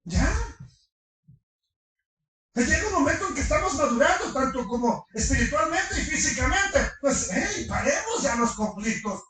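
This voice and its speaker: A middle-aged man preaching a sermon to his congregation, animated, firing rhetorical questions and slipping in humorous asides. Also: very high voice, normal speed. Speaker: pastor. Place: large congregation hall. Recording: echoey hall from far off.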